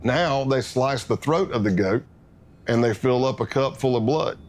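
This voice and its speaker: A man's voice: medium pitch, normal speed. A middle-aged man, a former undercover agent telling his story in a documentary interview, acting out what others said.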